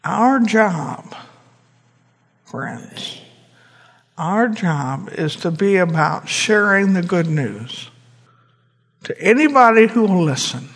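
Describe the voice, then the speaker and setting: A man with a notably high voice delivers a sermon from the pulpit, chatty and folksy rather than grand. He slips in self-deprecating jokes between his points. His words ring out with a long echo through a large church. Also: animated, slow pace, a bit bright, breathy edge. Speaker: pastor.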